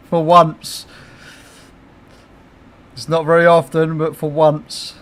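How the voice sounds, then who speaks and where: A middle-aged man chatting casually on his game livestream, swearing freely, laughing often and reacting to chat comments. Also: fairly high pitch. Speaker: game streamer.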